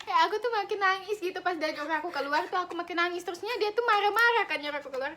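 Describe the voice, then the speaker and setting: A woman's voice: very high voice, very fast, background noise. A young woman casually telling a story to a friend, acting out the quotes and laughing often.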